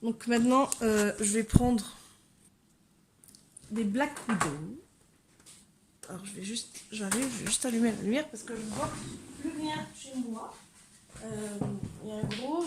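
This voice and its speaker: A fairly high-pitched woman talks through her coloring at home, chatty and full of little hesitations. A faint background hiss sits under her voice. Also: a little slow, long pauses. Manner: chatty, many fillers, talks to her cats. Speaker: coloring channel host. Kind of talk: casual coloring tutorial chat. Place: home room with window.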